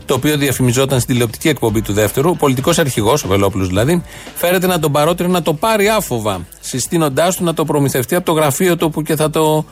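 A man's voice: a little high, expressive. A man hosting a satirical news show, reading items in a mock-serious, sarcastic way.

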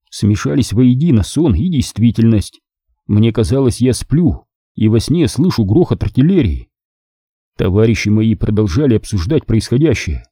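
Male narrator for an audiobook, husky and lively in pitch. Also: dry recording, clean studio sound. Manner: voices the soldiers in a raised pitch.

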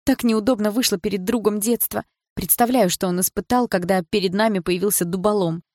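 A woman's voice: medium pitch, fairly even intonation, a little fast, a little mellow, dry recording. Woman, first-person audiobook narration, indignant, emotional, dry close sound.

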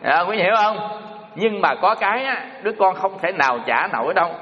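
A man delivers a homespun moral talk to an audience, circling back on his words with plenty of fillers. His voice sits a little high for a man. The recording is dull and lo-fi, with a long reverb hanging around him. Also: expressive, a little fast. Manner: homespun, repetitive, full of fillers. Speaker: speaker addressing an audience. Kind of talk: moral talk with folksy storytelling. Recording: dull lo-fi sound in a reverberant hall.

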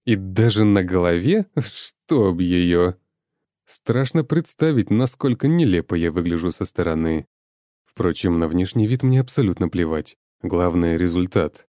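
A man narrating a first-person audiobook with a wry, sardonic edge. His voice sits low with a dark, mellow tone. The recording is dry and close. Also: animated, measured pace, dry recording.

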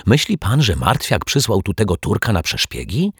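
Give me a man playing a blunt building caretaker, low and husky, close dry recording. A plain storybook figure full of puzzled questions. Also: huge pitch swings, moderate pace, no echo, exaggerated voice.

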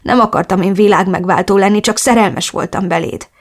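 A woman's voice: mid-range voice, natural voice. A woman reading a grieving mafia boss. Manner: quiet, pleading.

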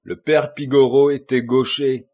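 A man's voice: medium pitch, expressive, moderate pace, a little mellow, slightly rough. A man voicing a cynical young murderer who brags about his crime. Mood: scornful. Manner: boastful, bitter.

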